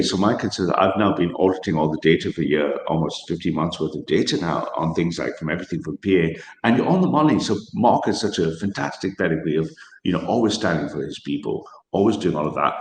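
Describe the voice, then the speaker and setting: Deep, fast-talking gravelly male host. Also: darkish tone. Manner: rambling, many restarts and fillers. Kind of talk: online interview. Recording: roomy echo.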